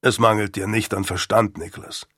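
A man voicing a grave older male statesman who is stern yet kindly, speaking in a measured, solemn and reproving manner. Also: on the low side, steady tone, fairly bright tone, slightly rough, no room sound, studio quality. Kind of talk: audiobook character voice.

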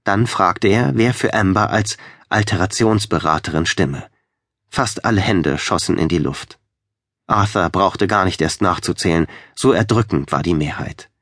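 A man narrating an audiobook in a calm, measured reading. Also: deep voice, no room sound, studio quality. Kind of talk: scripted narration.

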